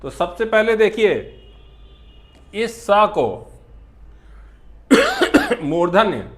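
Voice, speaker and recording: Slow, high-voiced male teacher. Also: wildly swooping pitch, a bit bright. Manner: slow and deliberate, spelling out sounds one by one. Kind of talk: slow classroom lecture.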